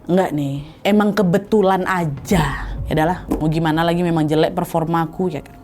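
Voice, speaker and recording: A woman voicing a worried young husband in a lower, quiet, resigned tone. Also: fairly even intonation, fairly quick, noisy background, lightly acted.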